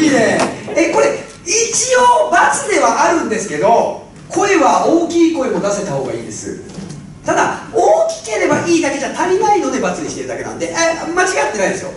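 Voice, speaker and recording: A man giving a speech-coaching seminar to a live audience on a handheld microphone, animated and laughing often as he swings between loud and soft delivery. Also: very high-pitched, very echoey, distant mic, noisy background. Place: large hall with a microphone.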